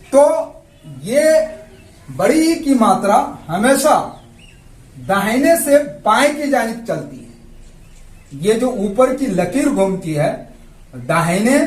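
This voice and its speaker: A man's voice: extremely high pitch, reverberant. A man teaching a lesson, patiently repeating and spelling out sounds. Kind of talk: slow explanatory lesson.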